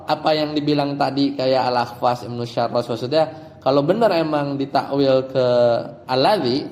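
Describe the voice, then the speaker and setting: Male teacher, fairly high voice, relaxed lesson talk, explains point by point, long hall reverb. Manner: explains step by step, asks students rhetorical questions. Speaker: Islamic teacher. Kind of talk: casual Arabic grammar lesson.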